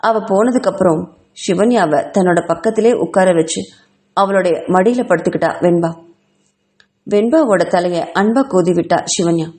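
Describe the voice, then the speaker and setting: A woman's voice: lowish voice, moderate pace, darkish tone. A woman from India, author and narrator, reading her romance audio novel in a colloquial, spoken storytelling style.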